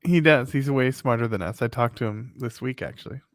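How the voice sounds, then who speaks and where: A man's voice: mid-range voice, a little fast, no echo. A man chatting casually as a co-host in a matter-of-fact, plain-spoken way. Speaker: podcast co-host, working photographer. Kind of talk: casual chat.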